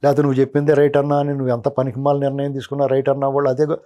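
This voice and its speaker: A man's voice: mid-range voice, monotone, racing, mellow. A middle-aged man, a political analyst, giving heated commentary in an interview, rhetorically scolding a politician as "you".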